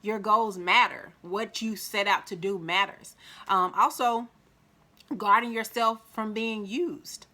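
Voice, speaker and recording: A woman with a Mississippi accent giving casual life advice to the camera, chatty, acting out quoted voices with big jumps in pitch. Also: fairly even intonation, slow pace, bright, forceful tone. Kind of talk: casual motivational talk to camera.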